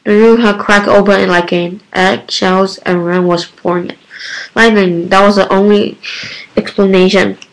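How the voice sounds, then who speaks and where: A woman's voice: mid-range voice, fairly even intonation, measured pace, poor audio. A woman reading a novel aloud in first person, often tripping over words and correcting herself. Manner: stumbling, self-correcting amateur reading.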